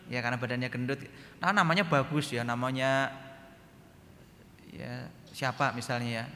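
Bright-voiced male preacher in a reverberant hall. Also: on the high side. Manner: lively, chatty, often addresses the congregation. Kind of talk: storytelling sermon. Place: church hall. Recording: reverberant hall, faint background noise.

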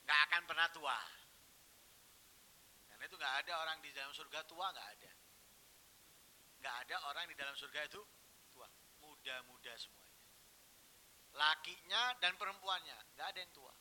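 A man preaching a sermon, telling stories and swinging from hushed, quiet phrases to loud, emphatic ones. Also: on the high side, normal speed, long pauses, slight background noise, rough recording.

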